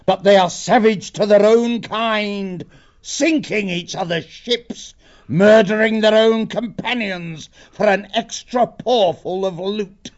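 A man doing a booming old badger lord. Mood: furious. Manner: slow, booming and grave. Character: huge old male badger lord, fierce and wise. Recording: dull lo-fi audiobook recording.

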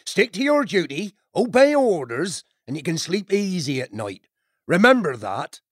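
A gruff but kindly otter chieftain, as a male narrator voices him, speaking plainly and homely in a rough country style. The voice sits a little high and moves a lot in pitch. It is recorded dry and close. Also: big pitch swings, a little slow, dry recording, heavily acted. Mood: steady. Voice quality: folksy and homely, dropping his g's.

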